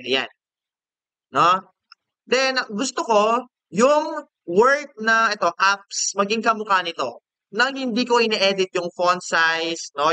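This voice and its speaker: A man with a Filipino accent teaching a screen-recorded software lesson, casual and checking in with the class often. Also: high-pitched, clear, resonant tone, dry recording.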